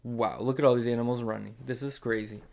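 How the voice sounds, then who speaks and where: Fast-talking and steady, the male host of a children's read-along series has a medium-pitched, darkish voice with vocal fry. He reads with expressive, dramatic emphasis and chats with his young audience in asides.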